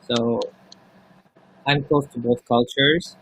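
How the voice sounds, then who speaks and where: Man from Kazakhstan, panel guest, relaxed loose talk, dry sound, mid pitch. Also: slow, husky, dry recording, low-quality recording. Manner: relaxed, loose with many likes.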